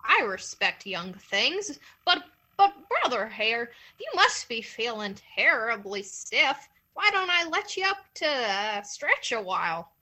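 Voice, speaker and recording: A woman's voice: on the high side, slow, few pauses, exaggerated voice, low-quality recording. A woman doing a yipping, hungry cartoonish coyote. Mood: eager. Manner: yips excitedly between words. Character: hungry wily male coyote, easily confused.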